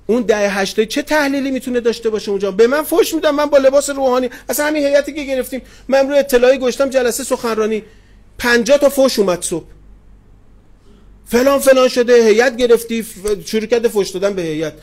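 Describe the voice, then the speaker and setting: Brief: high-pitched middle-aged male preacher telling stories in a sermon, affectionate with his listeners. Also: a little mellow. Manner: addresses listeners tenderly, retells anecdotes with quoted dialogue. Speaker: cleric preacher. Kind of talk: sermon with storytelling. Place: religious gathering hall.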